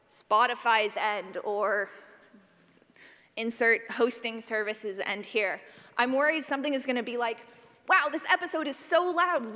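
This is a live, informal conference talk in a large, echoing room, with a reverberant hall sound to the recording. The speaker, a woman with a fairly high pitch, designs sound for audio fiction and takes questions from the audience. She comes across as animated, self-deprecating and playful, dropping "like" often.

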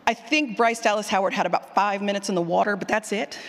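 A woman leading a workshop on audio drama writing addresses a conference audience in a room with long, ringing reverb. Her mid-range voice moves fast, animated and informal, with punchy emphasis, slangy phrasing, and mild swearing. She likes to put questions straight to the room.

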